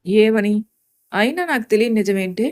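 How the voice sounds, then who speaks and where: A woman's voice: mid-range voice, lively intonation, normal speed, darkish tone, close to an everyday voice. A woman voicing a playful young man who teases his younger cousin in a storybook. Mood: teasing. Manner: joking, mock-scolding.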